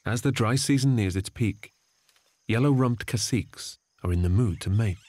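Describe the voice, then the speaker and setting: A man reading scripted nature documentary narration in a measured storytelling manner. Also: fairly low pitch, a little mellow. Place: studio voice-over. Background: background music.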